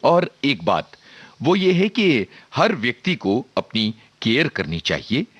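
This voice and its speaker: Measured, lively man presenting on radio. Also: medium pitch, slightly rough, dry recording. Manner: measured, informative, with frequent filler pauses.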